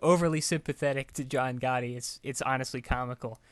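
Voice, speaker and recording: A man's voice: mid-range voice, a little fast, clear, resonant tone, dry recording, studio quality. A man co-hosting a casual movie-review chat, riffing loosely and swearing freely. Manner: profane, animated riffing. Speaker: podcast co-host.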